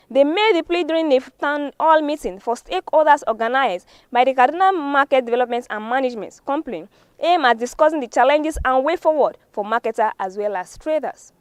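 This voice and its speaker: With no room sound audible, this studio recording features a high-pitched woman with a Nigerian accent reading from newspaper stories. Her scripted review is delivered formally, with a few stumbles along the way.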